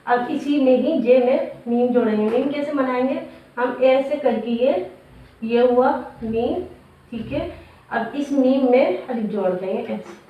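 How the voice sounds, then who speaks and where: Distant woman teaching in a roomy echo. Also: a little high. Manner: asks and answers her own questions, repeats each step. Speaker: Urdu script teacher. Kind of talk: step-by-step writing lesson. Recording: roomy, distant, dull lo-fi sound.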